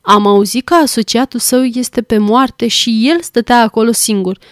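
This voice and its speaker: A kindly father chatting gently with his wife , as a woman reads him, slightly high in pitch. Dry, close storybook narration. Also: no echo, close to an everyday voice. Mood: gentle.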